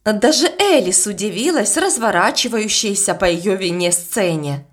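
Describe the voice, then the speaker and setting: Expressive woman reading a children's story. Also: medium pitch, moderate pace. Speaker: audiobook reader. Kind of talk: storybook narration.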